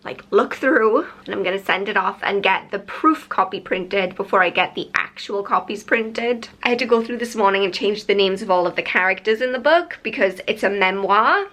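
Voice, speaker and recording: A young woman vlogging casually to camera, chatty and excitable, rambling with lots of "like"s and sounding tired. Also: medium pitch, moderate pace, few pauses. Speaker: vlogger and author. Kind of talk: casual vlog chat to camera.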